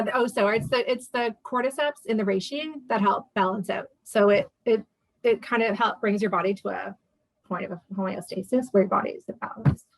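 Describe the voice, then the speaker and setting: A woman's voice: on the high side, no room sound, low-quality recording. A woman in her fifties, a guest chatting casually in an interview, talking with many fillers and restarts. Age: 50s.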